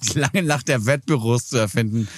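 A man in his forties co-hosting a casual music podcast, talking about songs at length with lively enthusiasm. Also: medium pitch, a little fast, no echo, clean studio sound. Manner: animated, enthusiastic, explains at length. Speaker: podcast co-host. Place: studio in a cellar.

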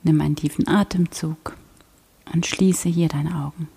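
A woman guiding a prayer meditation in a soft, slow, half-whispered voice. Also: low-pitched, fairly even intonation, vocal fry, husky. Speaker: prayer guide.

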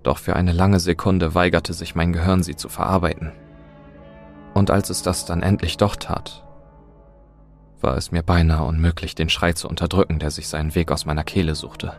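A man's voice: deep voice, level tone, moderate pace, faint music behind. A man narrating a scripted first-person horror story in a tense, dramatic way.

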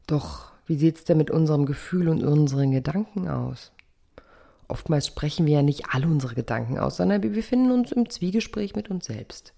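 A coach speaking in a calm, thoughtful podcast monologue, often posing rhetorical questions to listeners. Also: medium pitch, gravelly.

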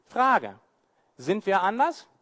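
Male pastor for a sermon; high, swooping voice, unhurried, playful and mocking. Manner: animated, mocking asides and rhetorical questions.

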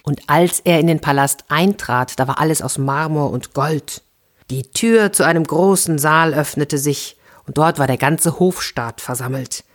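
A woman reading a fairy tale aloud for children, lively and expressive. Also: sits low, unhurried. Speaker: storyteller.

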